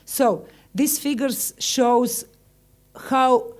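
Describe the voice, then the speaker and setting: A woman from Croatia with a Croatian accent gives formal opening remarks in halting non-native English, often dropping articles. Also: fairly high pitch, steady tone, darkish tone. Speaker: conference speaker, journalists' union leader.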